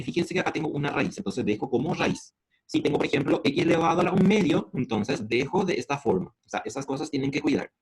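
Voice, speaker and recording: Speaking at medium pitch over slight background noise, a male math teacher with a Paraguayan Spanish accent walks through integrals one step at a time. He asks the class questions and then supplies the answers, easing his pace over the formulas.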